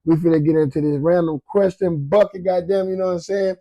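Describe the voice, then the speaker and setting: A man's voice: high-pitched, fairly even intonation, fairly quick, dark tone, no room sound, highs cut off. A man hosting a podcast in a casual, slangy way, with plenty of swearing and verbal tags. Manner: slangy, heavy swearing, frequent "you know". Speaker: podcast host. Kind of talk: casual chat.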